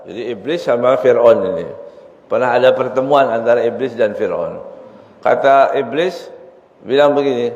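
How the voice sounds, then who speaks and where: A man's voice: mid-range voice, darkish tone. A middle-aged male preacher giving a casual study-circle sermon, telling a story and acting out its dialogue. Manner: storytelling, acts out dialogue in shifting voices, laughs at own jokes. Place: mosque hall. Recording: echoey mosque hall, dull sound.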